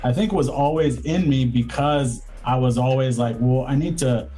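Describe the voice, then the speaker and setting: Heard on a rough recording, this male guest has a dark tone, medium pitch, and normal speed. A lawyer and entrepreneur from Southern California, he rambles reflectively through a casual interview, full of fillers and restarts.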